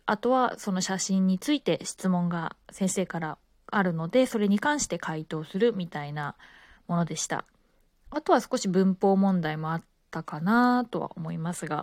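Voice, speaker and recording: A Japanese woman speaking alone in a relaxed, casual way, with frequent fillers. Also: lowish voice, no room sound, clean studio sound. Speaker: podcaster. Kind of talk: casual solo talk.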